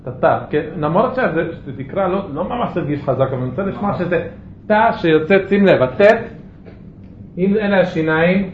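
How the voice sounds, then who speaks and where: A man's voice: on the high side, a little hiss or hum. A man teaching pronunciation in a lesson, patiently correcting and explaining with everyday comparisons. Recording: echoey, muffled lo-fi audio.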